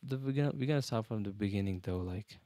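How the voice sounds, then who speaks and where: A man learning French as a second language, with a foreign accent in French, talking casually in a vlog and haltingly searching for words as he switches languages. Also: lowish voice, mellow, dry recording. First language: not French, a learner. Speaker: language learner, video host.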